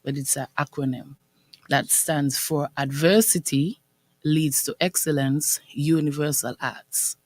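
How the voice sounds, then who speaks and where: A young woman, a business owner, speaking as a guest on a radio interview, articulate and quick to laugh. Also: sits low, steady tone, no room sound. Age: young adult. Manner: articulate, laughs often, upbeat. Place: radio studio.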